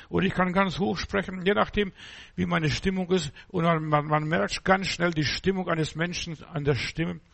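A man preaching a sermon as a pastor, speaking slowly and emphatically and tagging his phrases with a short affirming "ja". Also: sits high, vocal fry, fairly bright tone. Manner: slow, emphatic, punctuates phrases with "ja".

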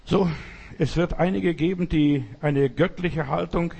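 A man's voice: on the high side, measured pace, creaky, darkish tone, husky. A man preaching an emphatic sermon and acting out the quoted voices.

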